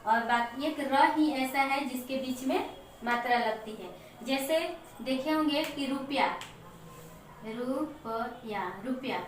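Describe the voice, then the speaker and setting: A woman teacher explaining a Hindi lesson to children slowly and step by step, with example words. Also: high-pitched. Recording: echoey room, mic far off, faint noise.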